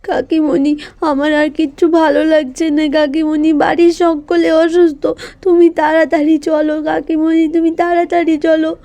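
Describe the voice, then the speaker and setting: A woman's voice: high voice, fairly even intonation, measured pace, warm tone, no echo. A woman doing a frightened, tearful young girl.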